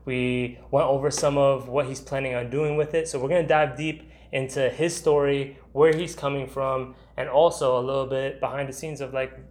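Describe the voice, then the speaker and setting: A man's voice: mid-range voice, level tone, normal speed, hardly any pauses, a little mellow. A man hosting an interview show in an empty apartment unit, upbeat and conversational with casual slang. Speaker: podcast host and real estate broker. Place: vacant apartment unit indoors.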